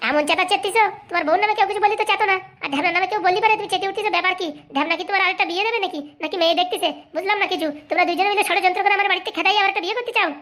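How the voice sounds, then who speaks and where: A woman voicing a sharp-tongued middle-aged housewife in a comedy cartoon, scolding with quick retorts. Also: very high-pitched. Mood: bickering.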